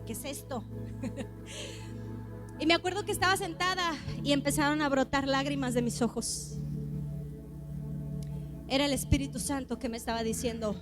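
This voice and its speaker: A woman delivers a sermon in a high voice. She moves from a personal, emotional testimony to fervent appeals to the congregation. Music plays clearly behind her. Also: fairly even intonation, moderate pace, pauses often. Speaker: preacher.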